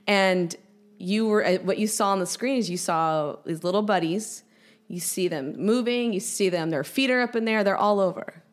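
A woman educator, a guest on a podcast interview, explaining with energetic, animated storytelling. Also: medium pitch, normal speed.

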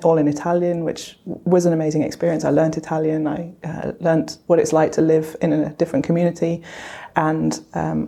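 Brief: physicist woman from Belgium, low gravelly voice, fast earnest telling with fillers. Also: dark tone. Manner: quick, earnest, with frequent fillers. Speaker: physicist interviewee. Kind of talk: reflective career interview.

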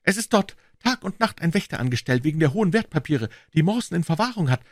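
A man's voice: on the high side, big pitch swings, fast, no echo, clean studio sound, voice pushed up. A man voicing a frantic, bewildered young clerk who keeps exclaiming in a raised voice. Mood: agitated. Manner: agitated, exclaiming.

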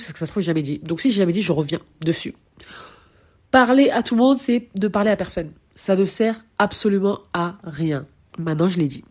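A young woman hosting a casual solo podcast on branding, bubbly and excitable, dropping English phrases into her talk. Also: lowish voice, husky.

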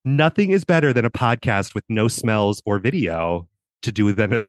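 Lively, upbeat male podcast co-host. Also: on the low side, moderate pace, no echo, studio quality. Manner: playful, upbeat banter. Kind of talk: casual podcast chat.

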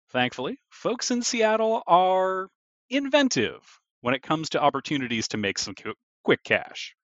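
A man's voice: on the high side, a bit bright, dry recording. A man narrating a tabletop game as game master, in a descriptive, easygoing manner. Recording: dull lo-fi audio.

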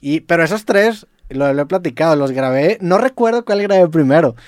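A man's voice: fairly high pitch, animated, brisk, a little mellow, no room sound, clean studio sound. A man with a Mexican accent, hosting a podcast in casual chat, full of slang like "güey". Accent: Mexican Spanish. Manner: slangy, says "güey" often. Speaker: podcast host.

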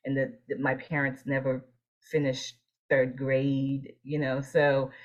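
As a guest in a conversational interview, this woman from Haiti, an optometrist and leadership coach, speaks with earnest assertiveness and repeats phrases to drive her points home. She has a bass voice, and the audio is dull.

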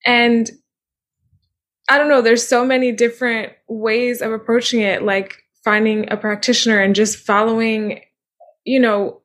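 Higher-voiced woman podcast host. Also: level tone, unhurried, fairly bright tone. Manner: enthusiastic, agreeing, rambling with fillers. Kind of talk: casual conversational chat.

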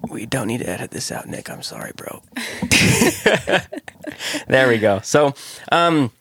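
A man hosting a casual podcast interview, opening with an energetic welcome and then chatting loosely with fillers. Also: medium pitch, slow pace, breathy edge, no room sound, studio quality. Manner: energetic hype intro, then relaxed with fillers. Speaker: podcast host.

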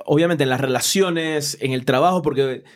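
A man's voice: fairly high pitch, normal speed. Man, spiritual teacher, earnest, lightly raised voice, explains through simple comparisons. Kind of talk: casual chat.

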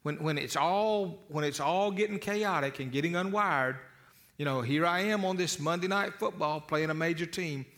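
A man delivers a motivational talk to an audience in a bright, forceful voice pitched slightly high. He tells stories in a folksy way, with lively asides. He often doubles a word as he restarts a phrase. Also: moderate pace. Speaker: motivational speaker.

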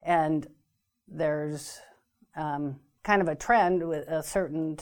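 A woman's voice: sits low, takes it slowly. A woman explaining as a guest expert in a talk interview, careful and full of ums and restarts. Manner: hesitant, many ums and restarts. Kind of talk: informational talk show interview.

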